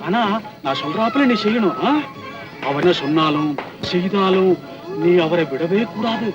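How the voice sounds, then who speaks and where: A man's voice: high voice, animated, moderate pace, over music. An actor playing a scheming old grandfather coaxing and instructing a small boy in an old film. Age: older. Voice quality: coaxing, insistent. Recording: dull, distant old film soundtrack.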